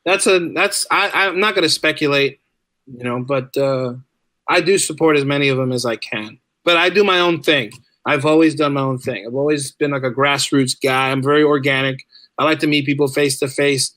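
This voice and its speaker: Speaking at a moderate pace in a mid-range, fairly bright voice, the same writer-musician guest keeps the podcast interview loose and conversational. He's talkative and informal, repeating phrases to make his points, and there's no echo.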